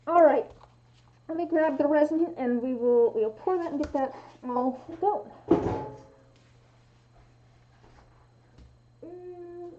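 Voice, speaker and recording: A woman's voice: high voice, dark tone. A woman chatting casually on a crafting livestream, her voice muffled by a respirator mask. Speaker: craft streamer. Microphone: livestream mic, voice through respirator mask. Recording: muffled, dull lo-fi audio.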